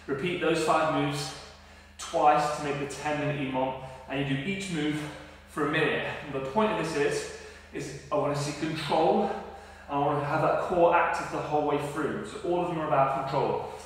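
A fairly high-voiced man, out of breath, talks through a workout in a loose, casual way and fixes his own slips as he goes. He stands some way from the mic in a very echoey room with a long ring to it. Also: moderate pace, far from the mic. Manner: casual, explains step by step with self-corrections. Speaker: fitness coach. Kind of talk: workout instruction. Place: indoor home workout space.

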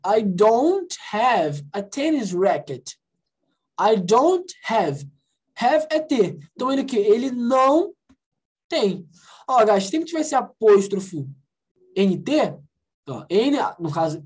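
Lively Brazilian teacher drilling a class. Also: female voice, mid-range voice, husky. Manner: lively, coaxing, asks the class questions and drills phrases slowly. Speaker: English teacher. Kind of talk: online class explanation. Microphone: video call.

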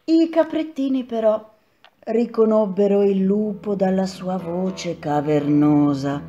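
A woman actress narrating a fairy tale for children, expressive and playful. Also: mid-range voice, muffled recording, faint music behind. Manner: slow, expressive, playful repetitions.

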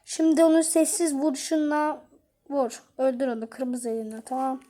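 A woman YouTuber performs every role in a homemade episode, her mellow voice sitting high with little pitch movement. She trades casual, playful banter with herself, changing voices quickly.

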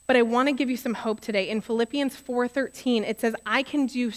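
A woman's voice: on the high side, brisk. Earnest woman pastor, casual sermon. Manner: conversational, earnest, animated retelling.

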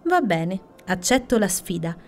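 A woman voicing an arrogant, boastful female hare who taunts in a high, loud voice for a bedtime storybook. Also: big pitch swings, measured pace, soft background music. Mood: mocking.

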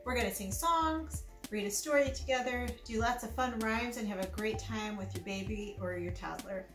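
A woman's voice: a little high, normal speed, fairly bright tone. A middle-aged woman leading a storytime for babies, giving simple, encouraging singsong instructions to little children and their parents. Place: living room, indoors. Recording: roomy indoor sound, some music.

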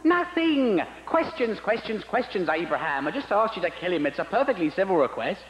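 A man's voice: high voice, sing-song, a little fast, a bit bright, reverberant, in a large hall, voice pushed up, low-quality recording. A man voicing God as a petty, fussy tyrant who talks in a prim, passive-aggressive way. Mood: prissy, needling.

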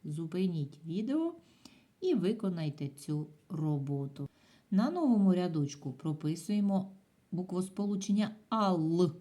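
A woman teaching a primary school lesson by video, patient and clear in a sing-song teacher's way. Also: on the low side, very animated, measured pace, warm tone. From Ukraine. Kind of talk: video lesson for young pupils.

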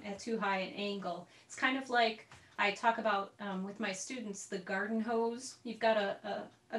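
A woman's voice: medium pitch, a bit bright, recorded from a distance. A woman teaching a group recorder lesson over a video call, explaining in a chatty way with little asides. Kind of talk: online group music lesson. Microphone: computer mic on a video call. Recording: roomy video-call audio from off-mic.

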